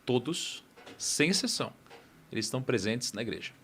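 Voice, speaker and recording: A man with an average-pitched voice talks through an idea on a studio podcast. He explains carefully and reflectively, often checking in with a quick tag question. The setting is a casual conversation. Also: animated, a bit bright, a little hiss or hum. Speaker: podcast guest.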